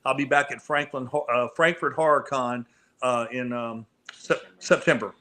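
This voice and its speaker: A man's voice: mid-range voice, steady tone, normal speed, bright, forceful tone. Easygoing man from Kentucky. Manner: easygoing, rambling storyteller. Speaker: film guest. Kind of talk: casual chat.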